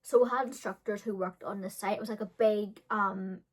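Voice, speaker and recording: Speaking at normal speed with a mid-range voice and fairly even intonation, a woman in her early thirties casually tells her viewers a personal story. She's a beauty and storytime vlogger who rambles, frequently corrects herself and uses many fillers.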